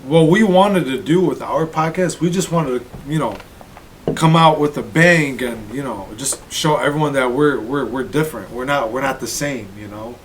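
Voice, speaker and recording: A man's voice: mid-range voice, moderate pace, slight background noise, rough recording. A man of about thirty co-hosting a casual podcast, laid-back and laughing readily. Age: 30s. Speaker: podcast co-host. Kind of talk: casual chat.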